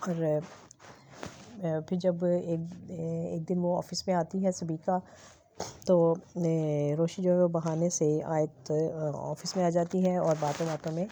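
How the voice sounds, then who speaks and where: A woman recapping a TV drama episode in a casual, unhurried way, often pausing with filler sounds. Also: lowish voice, little pitch movement, dark tone. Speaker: drama review presenter.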